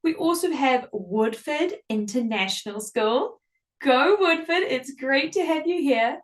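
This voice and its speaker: A woman's voice: high voice, lively intonation, measured pace. A woman hosting a live online classroom in an enthusiastic, welcoming, upbeat presenting style. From Samoa or New Zealand. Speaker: host.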